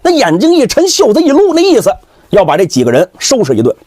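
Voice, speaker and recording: A man performing traditional Chinese storytelling in a dramatic, animated way. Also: very high-pitched, fast talker, no echo, clean studio sound. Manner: dramatic, animated, with vivid sound words.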